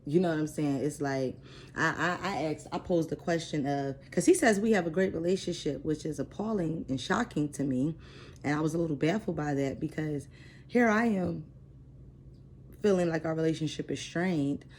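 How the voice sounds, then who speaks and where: Low, dark-voiced woman venting. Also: moderate pace, a little hiss or hum. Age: 30s. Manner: blunt, frustrated, emphatic. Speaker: vlogger. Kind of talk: personal venting vlog.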